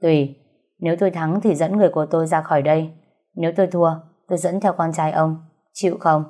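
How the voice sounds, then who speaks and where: A woman voicing a cold, calm male gangster. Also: low-pitched, moderate pace. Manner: flat, even, unbothered delivery.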